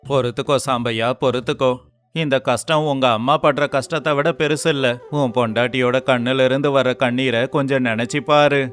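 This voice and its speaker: A man voicing a poor, weary and honest young laborer in an animated story, with a pleading, earnest way of talking. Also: mid-range voice, moderate pace, soft background music, close to an everyday voice. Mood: determined. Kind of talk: storybook voice acting.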